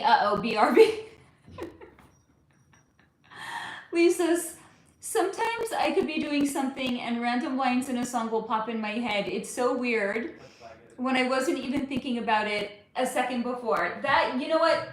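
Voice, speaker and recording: A woman in her forties, a spiritual reader chatting on a live stream, reading viewer comments aloud in a chatty, animated way with casual swearing. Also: a little high, reverberant. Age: 40s.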